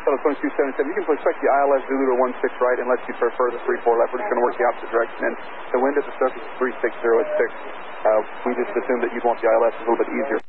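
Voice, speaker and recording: A man's voice: medium pitch, steady tone, racing. A man working as an air traffic controller, talking to pilots in clipped phrases over a radio with static. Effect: aircraft radio with static. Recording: narrow radio with clear static noise.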